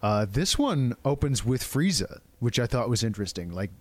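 A man co-hosting a podcast in casual chat, excited and swearing freely, with quick asides. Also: medium pitch, no echo. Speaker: podcast co-host.

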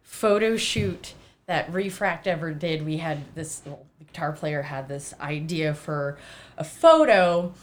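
A woman's voice: low-pitched, lively intonation, unhurried, slight background noise. A young adult woman telling a rambling story on a podcast. She laughs often and swears casually. Her talk is full of fillers. She sounds like she is speaking in a small studio room. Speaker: podcast guest, lead singer.

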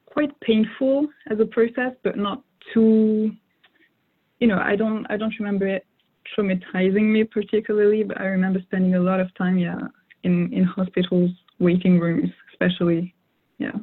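At a moderate pace and in a flat, mid-range voice, a young French-speaking woman responds to an interviewer as the guest. She weighs her words, often restarting and using fillers, over narrow, phone-like audio.

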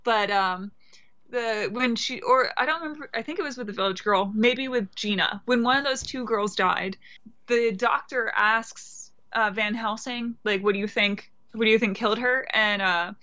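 Female podcast co-host, bright, higher voice, irreverent and giggly, slightly dull lo-fi audio. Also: normal speed. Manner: laughing, loose and irreverent. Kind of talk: casual movie discussion.

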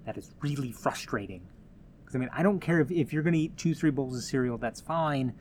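A man's voice: mid-range voice, fairly quick, slight background noise. Earnest, encouraging male host. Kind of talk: casual motivational talk.

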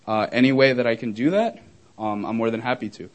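A man's voice: medium pitch, a little fast. A young man, a startup founder, answering audience questions in a casual, friendly way, with many fillers and easy laughs. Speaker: startup founder presenting to users. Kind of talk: casual Q&A presentation.

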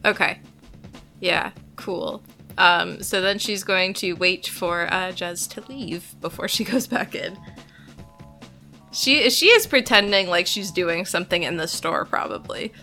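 A woman's voice: lowish voice, a little slow, pushed and bright, faint music behind. A woman player describing her character's actions hesitantly, with many fillers. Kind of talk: casual tabletop play.

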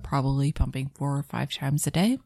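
A woman's voice: rumbling low, fairly quick, darkish tone, no room sound, clean studio sound. A young woman, a new mother of twins, chatting casually on a podcast, plain-spoken with many fillers. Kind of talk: casual chat.

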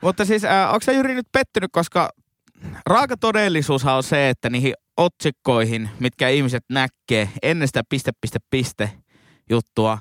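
A man's voice: medium pitch, expressive, fairly bright tone, dry recording, studio quality. A man co-hosting a podcast, chatting casually and explaining things eagerly. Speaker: podcast co-host. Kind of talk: casual chat.

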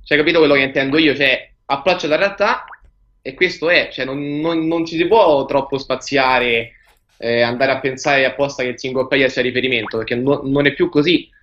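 A man's voice: medium pitch, normal speed, fairly bright tone. Man calling in over a dull call line. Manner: hesitant, searches for words, many restarts. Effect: heard over a call line, dull and muffled. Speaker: caller into a live show. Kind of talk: casual chat.

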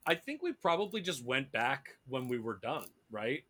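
A man taking part in a tabletop role-playing game, chatting casually as he talks through what his character does. His voice sits at a middle pitch and his delivery is loose and conversational. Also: sing-song, normal speed, sharp tone. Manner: chatty, explaining his moves with a laugh. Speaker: player.

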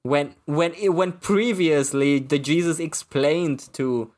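A man talks through a movie review in loose, halting sentences, stopping and restarting his thoughts with plenty of "uh" and "like". It is relaxed podcast chat between two co-hosts. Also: on the high side. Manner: halting, full of fillers and restarts. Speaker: podcast co-host.

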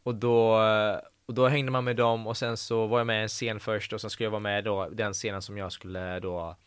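A young man, an actor guest, telling stories in a casual interview, animated and swearing casually. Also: on the low side, clean tone, no echo. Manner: animated, acts out quoted dialogue, swears casually.

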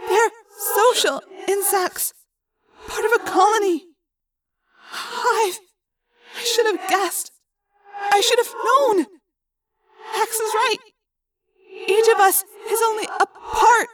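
A woman's voice: very high voice, fairly even intonation, normal speed, recorded from a distance, faint music behind, voice pushed up. A woman voicing a thoughtful teenage girl who explains things earnestly. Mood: shattered.

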